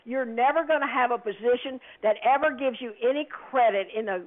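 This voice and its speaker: Speaking fairly quickly in a voice on the high side, an elderly woman in her eighties berates a prank caller by phone from home. The line sounds tinny, and she is furious, indignant and agitated.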